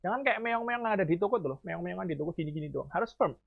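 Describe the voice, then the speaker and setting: A man, coaching high school students in public speaking in a lively, coaxing way. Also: gravelly, slightly rough. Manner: talks very fast, admits it himself; lively, coaxing, calls listeners "Dek". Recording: tinny phone-like sound.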